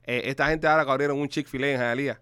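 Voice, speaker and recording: A man with a smooth, clear voice, talking quickly. He teases his partner with playful follow-up questions, recorded close in a dry studio. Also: medium pitch, fairly even intonation, bright, forceful tone, no room sound. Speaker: co-host interviewer. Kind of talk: comedic casual banter.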